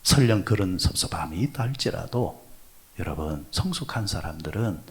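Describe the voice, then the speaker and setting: A male pastor preaching an early-morning prayer sermon. He asks the congregation questions and answers them himself, and he moves from loud exclamations to soft, breathy asides. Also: low-pitched, animated, normal speed. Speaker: senior pastor.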